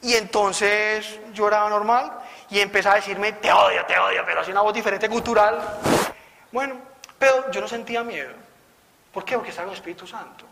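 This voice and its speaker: A man giving a conversational religious testimony, a lively storyteller who acts out the voices in his story. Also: high-pitched, fairly quick, background noise. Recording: long hall reverb.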